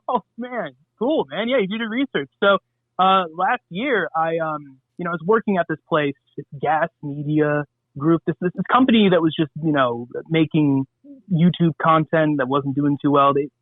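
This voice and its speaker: A man's voice: on the high side, moderate pace, no room sound. A man as a radio guest, talking in a loose, rambling way with crude humor and many fillers. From Southern California. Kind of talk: casual radio interview. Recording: tinny phone-line sound.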